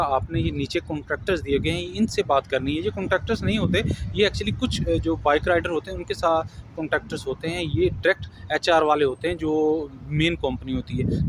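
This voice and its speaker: A man, giving earnest job advice to viewers in a casual vlog, recorded outdoors on a camera held at arm's length. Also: a little high. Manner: earnest, advising, addresses viewers as friends. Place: outdoors on a grassy lawn by buildings. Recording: outdoor ambience with traffic noise.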